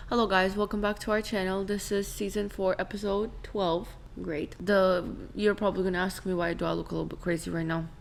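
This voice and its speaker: A woman's voice: medium pitch, flat delivery, a little fast, gravelly, few pauses. A young woman from Ukraine co-hosting a reaction channel, chatting in a playful, wry way. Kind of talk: casual chat.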